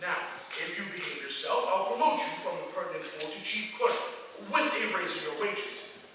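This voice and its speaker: A teenage boy acting a gruff, pompous old merchant in a school stage play, bossy and blustering. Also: fairly high pitch, expressive, moderate pace. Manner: blustering, bossy, shouts in bursts. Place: large auditorium stage. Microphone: far camera in the audience. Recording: echoey hall from far off, noisy.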